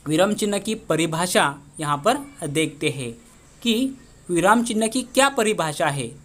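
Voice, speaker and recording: A man's voice: high voice, a bit bright. A male school teacher, giving an online grammar lesson and often prompting students to look and listen. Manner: slow, repetitive teaching with frequent "देखो" prompts.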